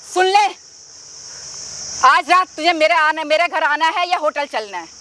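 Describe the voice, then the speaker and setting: A woman's voice: high-pitched, measured pace, sharp tone, a little hiss or hum. A woman playing a brazen, domineering middle-aged mother-in-law in an amateur skit, talking in a pushy, taunting way. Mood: insistent.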